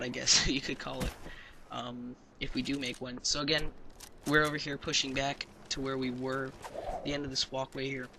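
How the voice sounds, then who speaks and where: Man, gameplay commentator, hesitant explaining, voice-over, loud game gunfire underneath. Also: medium pitch, creaky, background noise. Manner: hesitant, filler-heavy explaining.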